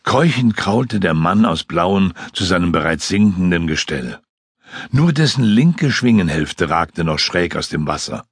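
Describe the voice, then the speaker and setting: A man narrating a fantasy audiobook in an unhurried, expressive storytelling manner. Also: low voice, slightly rough, no room sound, clean studio sound. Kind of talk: scripted narration.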